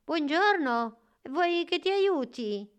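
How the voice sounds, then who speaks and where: A woman's voice: extremely high pitch, lively intonation, slow pace, pitched above the performer's own voice, exaggerated voice. A woman voicing a kind, eager young boy in a storybook reading. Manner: bright, childlike and eager.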